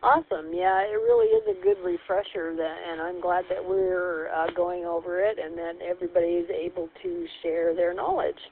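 A woman's voice: lowish voice, moderate pace, creaky, few pauses. A woman hosting a radio net, working through call signs in a cheerful, formal radio manner, heard over a two-way walkie-talkie. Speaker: radio net control host. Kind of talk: running on-air radio check-ins. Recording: tinny narrow radio channel with faint hiss.

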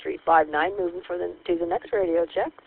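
Gravelly, low-voiced woman running a radio net over a two-way radio, methodical and friendly, with tinny sound. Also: steady tone, a little fast. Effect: heard over a two-way radio.

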